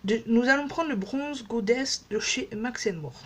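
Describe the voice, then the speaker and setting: A woman's voice: a little high, a little slow, slight background noise. A woman beauty vlogger chatting casually at home through a makeup demo, rambling and joking at herself with many fillers.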